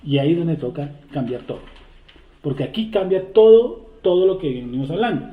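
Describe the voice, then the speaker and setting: A man's voice: fairly high pitch, expressive, fairly quick. A man leading a scripture study class. He reads verses aloud and keeps asking the group rhetorical questions. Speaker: Torah study teacher. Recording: tinny, echoey phone-like recording.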